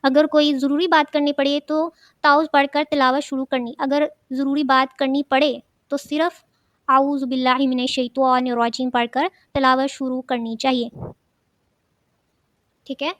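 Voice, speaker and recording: A woman's voice: high voice, no echo, clean studio sound. A woman teaching a children's religious studies lesson, asking questions and then answering them herself, often repeating key words.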